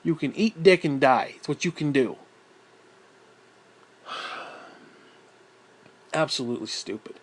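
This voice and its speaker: A man's voice: a little high, a little slow, pauses often, husky. A man ranting in a vlog, blunt and exasperated, swearing constantly and sighing heavily. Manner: profane, blunt, exasperated, with heavy sighs. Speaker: vlogger. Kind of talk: angry ranting monologue.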